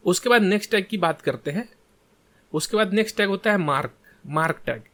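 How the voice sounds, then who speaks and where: Hindi coding tutor, slightly high voice. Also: male voice, expressive, a little fast, fairly bright tone. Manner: plain explaining, Hindi mixed with English terms, frequent "ठीक है" checks. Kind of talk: screen-share coding lesson.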